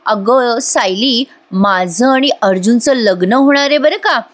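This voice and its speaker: Jealous young rival, snappish and taunting, voiced by a woman reading a recap, a bit higher than her usual. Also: unhurried, lightly acted. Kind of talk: dramatized dialogue in a serial recap.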